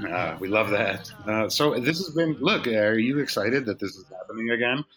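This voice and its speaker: A man's voice: on the low side, animated, moderate pace, fairly bright tone. A man co-hosting a casual remote podcast, chatty and joking, with many fillers. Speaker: podcast co-host.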